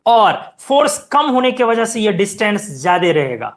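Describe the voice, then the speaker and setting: A woman's voice: medium pitch, big pitch swings, normal speed. A woman teaching a chemistry lecture, explaining step by step and often asking her students questions and telling them to pay attention. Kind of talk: classroom lecture.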